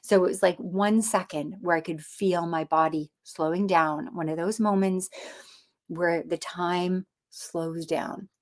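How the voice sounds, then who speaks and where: A woman from Canada telling her own story in casual talk, animated, with many fillers and restarts. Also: fairly low pitch, a little slow. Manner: animated, acts out voices in quoted dialogue. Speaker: personal storyteller.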